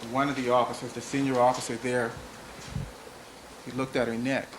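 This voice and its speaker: Prosecutor, male, mid-range voice; slow, deliberate jury address with repeated phrases, in a hissy old courtroom recording. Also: medium pitch, flat delivery. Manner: measured, deliberate, emphatic repetition. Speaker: trial prosecutor. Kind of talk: courtroom opening statement. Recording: noisy archival courtroom audio.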